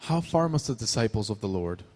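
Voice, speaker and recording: A man's voice: fairly low pitch, very animated, normal speed, darkish tone. A man interpreting a sermon live, phrase by phrase, with occasional restarts.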